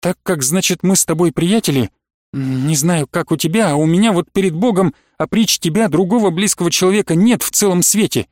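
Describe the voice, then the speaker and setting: Storybook suitor, young and impulsive, as a man reads him, pleading in a fairly high, dry voice. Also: brisk, no room sound, natural voice. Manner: excited, pleading, blurting.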